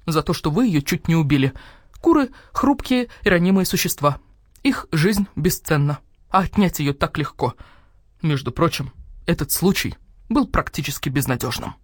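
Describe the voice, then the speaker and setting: A woman's voice: low voice, animated, normal speed, no room sound, clean studio sound. A woman voicing a fussy, self-important male rook doctor in a storybook, who lectures and takes offence. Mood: indignant.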